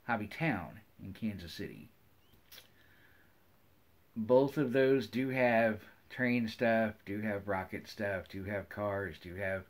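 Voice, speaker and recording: A man with a fairly low-pitched, slightly bright voice, middle-aged and American-accented, chats casually as a hobby vlogger. Recording indoors in a wood-paneled room at home, he rambles in a folksy manner and frequently repeats phrases.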